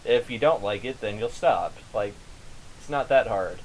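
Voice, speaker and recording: A young man hosting a podcast in casual chat, relaxed and steering the talk with repeated "all right". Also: on the low side, moderate pace, a little hiss or hum, rough recording. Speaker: podcast host.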